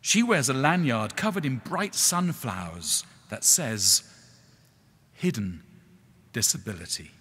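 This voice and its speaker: A middle-aged man preaching a sermon in a measured, earnest way, pausing slowly on key words. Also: medium pitch, big pitch swings, pushed and bright, husky. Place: church. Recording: echoey church hall.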